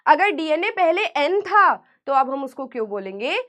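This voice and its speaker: A woman teacher giving an online class lecture, animated and repeating key terms back to her students as questions. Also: high-pitched, normal speed.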